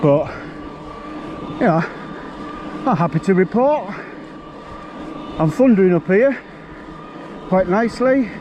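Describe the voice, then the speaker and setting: A man's voice: high-pitched, animated, takes it slowly, long pauses, noisy background. A man, a bit out of breath, chatting bluntly to camera while riding an e-bike up a forest trail. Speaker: mountain biking vlogger.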